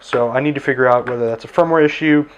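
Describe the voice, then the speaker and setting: An easygoing desk-side review of a handheld radio comes from a ham radio operator who reviews tech, his speech full of filler words. He is a fast talker with a mid-range voice, captured on lo-fi audio with a little hiss or hum.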